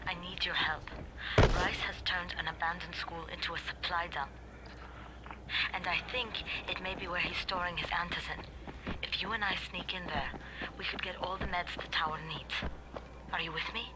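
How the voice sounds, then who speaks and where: An actress playing an urgent, determined female resistance fighter in a video game, brisk and conspiratorial, over a two-way radio. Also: lowish voice, fairly even intonation. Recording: very noisy radio transmission.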